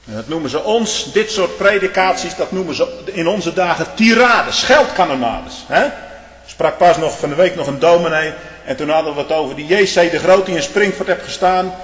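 A man preaching a fiery sermon, swinging between low, muttered asides and loud, scolding outbursts, with rhetorical questions thrown at the congregation. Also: lively intonation, normal speed. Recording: echoey hall with long reverb.

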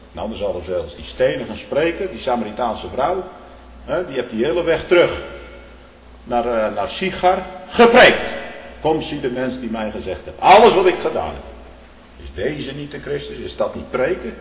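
Man, preacher, fervent sermon, emphatic rhetorical asides, reverberant hall, faint background noise. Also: mid-range voice. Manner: emphatic, with rhetorical "hm?" and "hè?" asides, swinging between hushed and loud.

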